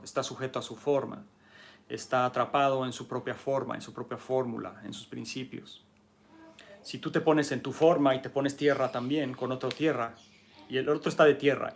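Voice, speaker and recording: A man's voice: mid-range voice, gravelly. A man with a Mexican accent teaching a martial arts class in a conversational way, often checking in with his listeners. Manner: conversational, keeps asking "¿sí?" to check understanding; acts out arguing people in a raised, mocking voice. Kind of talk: casual teaching talk.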